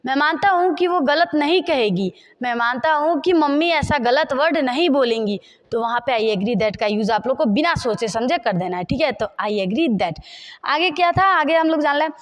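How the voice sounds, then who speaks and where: High-voiced woman teaching English slowly. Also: animated. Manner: repeats phrases slowly while writing examples. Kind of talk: spoken English lesson explained in Hindi.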